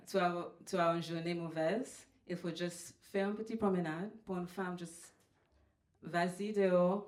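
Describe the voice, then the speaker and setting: A woman from Trinidad and Tobago with a Trinidadian accent, performing stand-up comedy in a halting way with many fillers. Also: on the low side, a little mellow. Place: comedy venue. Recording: roomy live venue sound.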